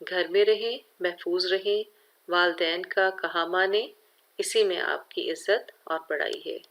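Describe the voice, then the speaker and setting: Slow, careful Pakistani Urdu teacher woman. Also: on the low side, creaky, a bit bright. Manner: slow, careful explaining, addresses students directly. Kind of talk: recorded grammar lesson for children.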